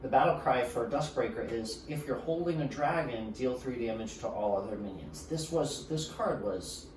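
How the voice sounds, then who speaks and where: A man's voice: mid-range voice, animated, normal speed. A man co-hosting a podcast in casual chat, explaining game cards at length and laughing often. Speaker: podcast co-host. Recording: roomy, distant mic with background noise.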